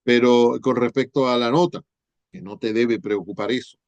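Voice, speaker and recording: A man's voice: mid-range voice, moderate pace, a little mellow, no room sound, highs cut off. A middle-aged man giving a university lecture on spelling, explaining step by step and checking in with rhetorical questions. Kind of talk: class lecture on spelling rules.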